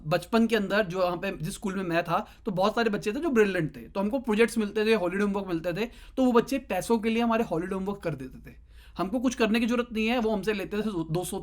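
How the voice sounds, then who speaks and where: High-voiced young man giving casual advice. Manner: conversational, addresses viewer directly with quick asides. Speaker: digital marketing YouTuber giving advice.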